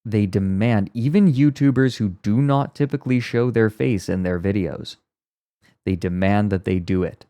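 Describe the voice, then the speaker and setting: A man's voice: lowish voice, normal speed, mellow, no echo. A man streaming and chatting casually as he reacts to a video, rambling and explaining with wry asides, his voice muffled because he records under a blanket for sound deadening. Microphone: close mic inside a blanket fort.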